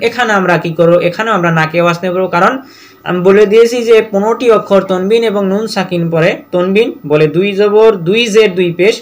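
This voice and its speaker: A man leads a Quran reading lesson. He spells out every letter and vowel mark one by one, then recites each verse in a slow, drawn-out way. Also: high voice, a little hiss or hum.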